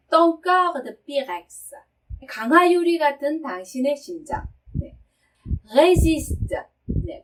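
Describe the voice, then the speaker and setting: A patient woman with a high-pitched voice teaches the pronunciation of French song lyrics, explaining step by step and reading the French slowly. She sits far from the mic, and the audio quality is poor.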